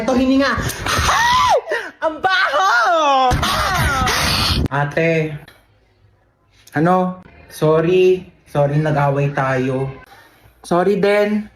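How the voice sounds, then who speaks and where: High lively young woman, teasing. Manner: playful, teasing, bursts into shouts. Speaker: comedy skit creator. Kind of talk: comedic sibling skits. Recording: noisy phone video recording.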